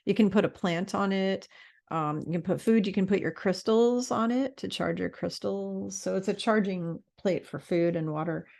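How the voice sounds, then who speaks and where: A woman's voice: medium pitch, moderate pace, creaky, a little mellow. A woman talking casually to camera in a rambling, chatty way, with fillers and restarts. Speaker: spiritual vlogger.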